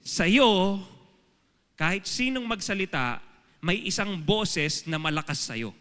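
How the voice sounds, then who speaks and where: High bright-voiced Filipino pastor preaching. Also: male voice, expressive, slow pace, clean tone, big-room sound. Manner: preaching to a congregation, mixing English and Tagalog, rhetorical questions. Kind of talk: sermon. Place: church hall.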